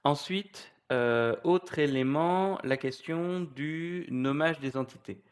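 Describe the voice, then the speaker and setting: Hesitant man explaining software steps. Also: a little high, slow. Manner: hesitant, many fillers and restarts. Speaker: software tutorial presenter. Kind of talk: unscripted screen-recorded tutorial.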